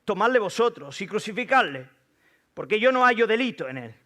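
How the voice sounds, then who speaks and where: A man's voice: high voice, very animated, fairly quick, sharp tone, voice pushed up, full character voice. A man reading as an exasperated Roman governor. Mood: insistent.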